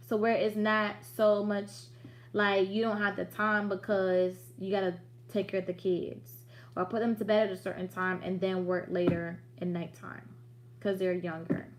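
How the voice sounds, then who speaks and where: A woman in her late thirties hosting a business livestream in a chatty, direct, motivating way with slangy asides. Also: medium pitch. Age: late 30s. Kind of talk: casual livestream talk.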